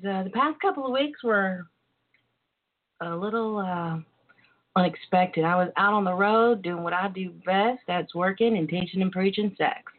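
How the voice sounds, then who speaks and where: A woman presents a casual radio show with a flirty, coquettish delivery. She stretches out key words as she chats to listeners. The sound is thin and narrow, like a telephone line. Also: fairly low pitch. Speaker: radio talk show host. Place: internet call-in radio show over a phone line.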